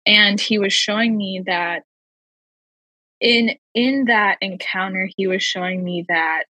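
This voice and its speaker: A woman talking as a podcast guest, sharing a personal faith testimony in an earnest way and slowing down to stress key phrases. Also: mid-range voice, fairly even intonation, pushed and bright, no room sound, low-quality recording.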